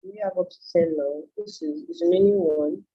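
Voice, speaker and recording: An online freelancing trainer with a Nigerian accent and Yoruba as her native language explains an informal tutorial step by step, thinking out loud. Her fairly low, breathy voice moves fairly quickly, and the audio sounds dull.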